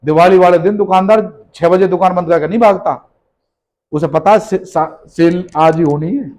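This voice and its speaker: Speaking at normal speed in a high-pitched, somewhat mellow voice, this motivational business speaker scolds a live seminar audience with rhetorical questions and emphatic repetition of his key points. The low-quality recording has slight background noise.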